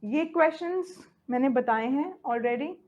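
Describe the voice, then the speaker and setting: A woman's voice: sits high, animated, measured pace, darkish tone, muffled recording. A woman with an Indian English accent teaching a grammar lesson, often stopping to check that students follow. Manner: switches between Hindi and English, checks understanding often.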